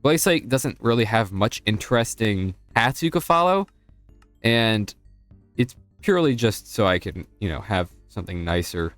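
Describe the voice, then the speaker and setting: A man's voice: normal speed, no room sound. Young guy rambling about his game grind, voice jumps up and down a lot, little music under it. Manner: chatty, self-mocking, lively pitch swings. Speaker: gaming YouTuber. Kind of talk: casual gaming vlog narration.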